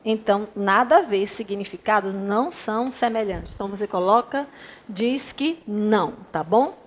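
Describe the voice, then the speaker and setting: A woman's voice: medium pitch, normal speed. A woman from Brazil teaching a recorded lesson to primary school pupils, patient and affectionate, often checking in with her class.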